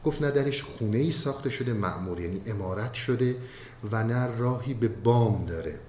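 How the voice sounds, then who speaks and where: A man giving a spoken commentary on classical poetry, reciting verses in a slow chanted way between casual explanations. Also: medium pitch, dark tone. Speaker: Masnavi commentator. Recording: echoey room with faint ambient noise.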